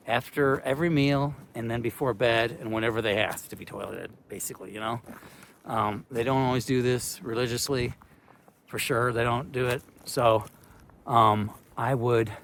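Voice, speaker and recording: A man's voice: medium pitch, fairly even intonation, moderate pace, a bit bright, slight background noise. A middle-aged man, a retired care worker, giving casual, rambling advice with many fillers, a bit out of breath. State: slightly out of breath. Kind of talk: casual advice talk to camera.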